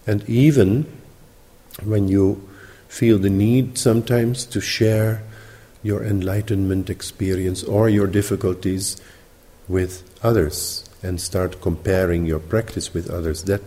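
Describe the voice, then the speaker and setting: A man with a mixed British, Dutch and Sinhalese accent, teaching meditation at a retreat in measured, explanatory phrases with pauses. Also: on the low side, steady tone, mellow. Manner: measured, explanatory, pausing between short phrases. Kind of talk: spoken retreat instruction. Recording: reverberant hall.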